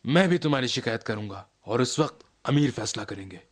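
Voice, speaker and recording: A man's voice: medium pitch, expressive, brisk, lightly acted. An actor playing a cautious male conspirator in a dubbed historical drama, urgent and tense. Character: cautious male conspirator urging the group to hide.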